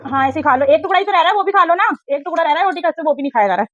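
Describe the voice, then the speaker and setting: A woman's voice: high voice, expressive, racing. A woman, a mother, chatting casually at home while doing chores, talking to herself and her kids. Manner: chatty, talks to herself and scolds kids between tasks. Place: home indoors. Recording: dry, dull lo-fi sound.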